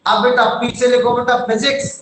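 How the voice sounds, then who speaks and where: Male teacher, high voice, slow dictation style, echoey room. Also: flat delivery. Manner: slow, spells words letter by letter, calls students "beta". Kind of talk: online class lesson.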